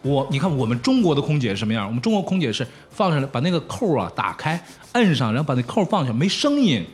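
A man hosting a casual football chat, telling stories in an animated way with laughing asides. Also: medium pitch, fast, soft background music.

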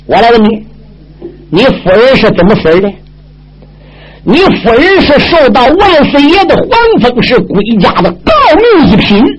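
A man's voice: very high voice, very animated, measured pace, husky, muffled recording, pitched above the performer's own voice, full character voice. A male storyteller voicing a stern, upright old judge who presses his questions hard. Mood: accusing. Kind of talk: traditional storytelling, acted dialogue.

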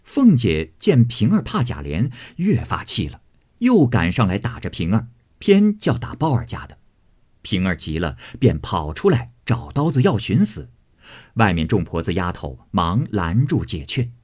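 A man giving an expressive dramatic reading of a classic novel as storyteller. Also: a little slow, breathy edge. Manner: expressive, swinging pitch.

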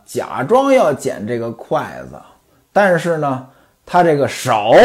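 A man narrating in the traditional storytelling style, with chatty asides to the listener and a playful, knowing tone. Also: fairly high pitch.

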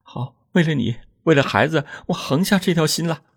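A man's voice: fairly high pitch, moderate pace, creaky, husky, pitched above the performer's own voice. A man voicing a frightened young village wife who pleads through tears. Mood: resolved. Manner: tearful, pleading.

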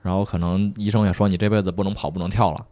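A young man, a guest on a podcast, telling his own stories in a soft, relaxed way with many small restarts. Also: low-pitched, rapid-fire, no echo. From China. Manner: soft-spoken, relaxed storytelling with frequent restarts. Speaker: guest, police officer. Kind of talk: casual podcast chat.

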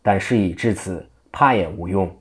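A man narrating a traditional tale in a lively, vivid storytelling style, doing all the voices. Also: deep voice, moderate pace.

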